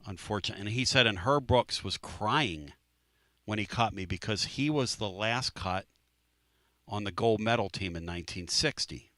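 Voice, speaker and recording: A man's voice: on the low side, moderate pace, sharp tone, dry recording. A man hosting a sports talk radio show, telling a story in a casual, emphatic way and repeating phrases.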